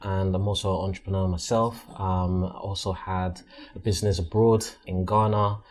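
A man from London, guest on a podcast, speaking casually and hesitantly, often pausing with ums. His voice sits very low. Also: flat delivery, a little mellow. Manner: hesitant, many ums and restarts. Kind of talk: casual interview chat.

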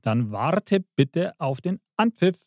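A man with a notably high speaking voice delivers mock sports commentary during a party game on a podcast. His play-by-play is excitable and theatrical. A faint background hiss sits under the recording. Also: slow pace. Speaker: podcast co-host and game player.

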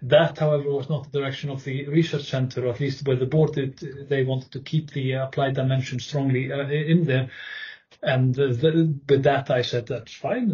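A middle-aged man from Iceland, a guest academic explaining his background in a halting, thoughtful way. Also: mid-range voice, warm tone, slightly rough, lo-fi sound. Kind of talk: podcast interview. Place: room with host.

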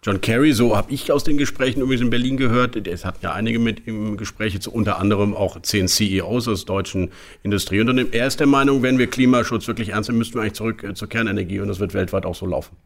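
A man's voice: fairly low pitch, quick pace. A male interviewer posing probing, conversational questions to a politician.

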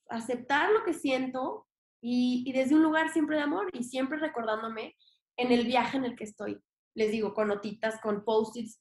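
A young woman with a Mexican accent, a podcast guest talking casually and emphatically, with slang and the odd swear word. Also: high voice. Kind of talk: casual interview talk. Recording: roomy echo.

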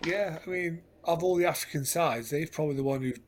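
A man's voice: a little high, brisk, slight background noise. A man co-hosting a casual football podcast, rambling and often laughing. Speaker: podcast co-host.

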